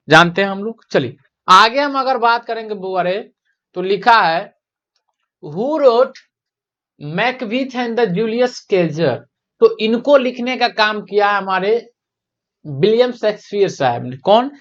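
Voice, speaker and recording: A man's voice: high-pitched, fairly bright tone. Bihari guy teaching exam prep, asks and answers his own questions, drags out the english lines, kinda muffled lo-fi sound. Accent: Bihari Hindi. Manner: explains step by step, asks questions and answers them himself; drawls English question text slowly. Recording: dull lo-fi sound.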